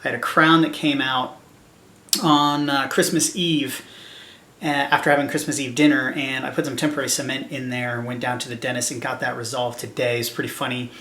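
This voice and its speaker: A man's voice: mid-range voice, little pitch movement, fairly quick, pushed and bright, echoey room. An American man in his thirties vlogging casually to camera, with a slight lisp and numb-mouthed speech after dental work. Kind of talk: casual vlog talk to camera. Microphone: camera microphone.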